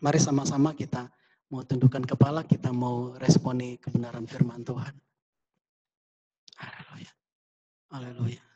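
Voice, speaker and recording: A male pastor giving a fervent sermon at a church service streamed over a video call, rising to high pleading tones. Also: level tone, fairly quick, mellow, breathy edge, lo-fi sound.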